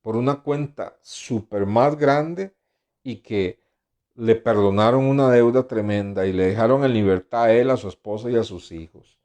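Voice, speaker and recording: A man's voice: medium pitch, moderate pace, darkish tone. A male pastor preaching a sermon who reads scripture aloud, comments between the verses and keeps asking his listeners "right?". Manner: tags questions with "¿verdad?" and addresses listeners as brothers.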